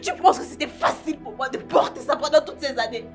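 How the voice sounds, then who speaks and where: A woman's voice: high-pitched, brisk, faint music behind. A woman with a Cameroonian French accent playing a distraught young woman, tearful and pleading, in a web-series drama. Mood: sobbing. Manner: tearful, pleading, breaking into sobs.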